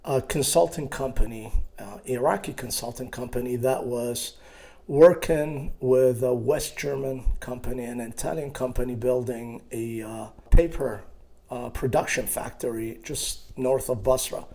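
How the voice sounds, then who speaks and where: A man in his sixties from Iraq, telling his life story in an interview with a hesitant, halting manner and many fillers. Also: medium pitch, creaky, dark tone. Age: 60s. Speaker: guest.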